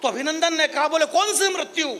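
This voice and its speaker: Man, stage comic poet; very high, bright voice; chatty crowd banter that rises into recitation. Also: fairly quick. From Marwar, Rajasthan. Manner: jokey banter with the audience, rising into declaiming verse. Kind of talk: live stand-up poetry recital. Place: live stage event before an audience.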